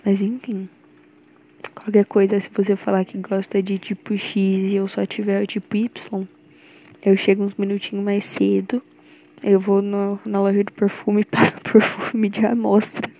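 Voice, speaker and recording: Nervous young Brazilian woman, mellow voice. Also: mid-range voice, monotone, measured pace, rough recording. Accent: Brazilian Portuguese. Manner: rambling, nervous, affectionate. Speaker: girlfriend recording a voice message. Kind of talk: intimate personal voice message.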